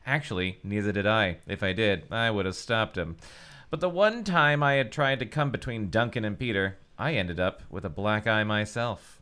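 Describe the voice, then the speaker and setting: A man's voice: on the low side, normal speed, sharp tone, smooth. A man co-hosting a podcast who reads a book aloud and tells stories, joking and laughing often. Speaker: podcast co-host. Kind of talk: casual chat and reading aloud.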